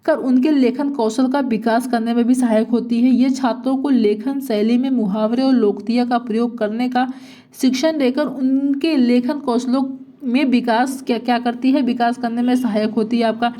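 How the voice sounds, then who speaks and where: A woman's voice: on the high side, steady tone, normal speed, warm tone. A woman teacher giving an exam-prep lecture, asking rhetorical questions, answering them herself and repeating each point.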